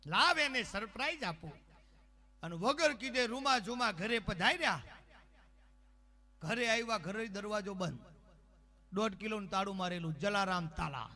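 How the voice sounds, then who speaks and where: A man entertains a live audience with comic stories, slipping into the voices of his characters. His voice sits very high and rings bright and cutting. He talks straight to the crowd through a stage microphone. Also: animated, normal speed, pauses often. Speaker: folk humorist on stage.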